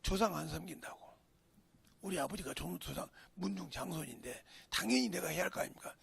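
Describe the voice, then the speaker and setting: Gravelly, raspy-voiced middle-aged man preaching. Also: high voice, expressive, fast. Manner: folksy storytelling, swinging between shouts and hushed whispers. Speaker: pastor. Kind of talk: sermon. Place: church sanctuary.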